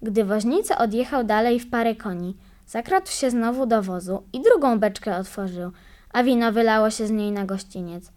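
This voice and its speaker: Woman reading a fairy tale audiobook, measured, slightly high voice. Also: darkish tone. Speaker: audiobook reader. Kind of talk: storytelling narration.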